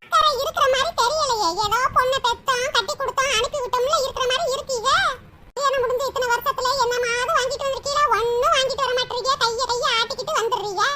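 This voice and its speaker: A woman voicing a scheming, nagging older mother-in-law in a cartoon, with a shrill, squeaky voice and a sarcastic, taunting way of scolding. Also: steady tone, fast, sharp tone. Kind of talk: cartoon dubbing. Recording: noisy recording.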